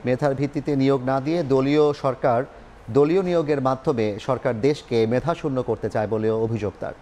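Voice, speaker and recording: A male news anchor reading scripted headlines in a formal, measured way. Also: mid-range voice, warm tone, slight background noise.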